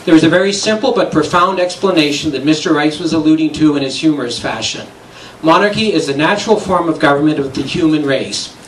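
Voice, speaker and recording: Formal man reading a debate statement. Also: on the high side. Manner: formal, measured. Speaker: debater for the monarchy. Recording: echoey hall, distant mic, faint hiss.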